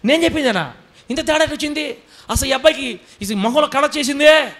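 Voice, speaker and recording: A man voicing a puzzled male hospital doctor who fires off rapid, incredulous questions in a raised, higher voice. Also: animated, a bit bright. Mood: astonished.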